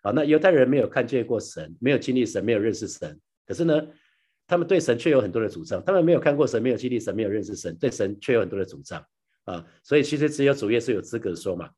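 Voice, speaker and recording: A man giving a devotional Bible teaching, often repeating his phrases and adding soft tag particles. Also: medium pitch, expressive, rapid-fire, husky. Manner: repeats phrases, ends lines with soft 哈 and 啊 tags; addresses listeners as brothers and sisters. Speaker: pastor sharing a daily devotional.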